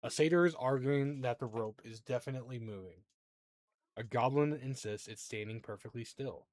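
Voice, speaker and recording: A man's voice: medium pitch, moderate pace, darkish tone, dry recording. A man narrating as the game master of a tabletop game, often laughing at his players.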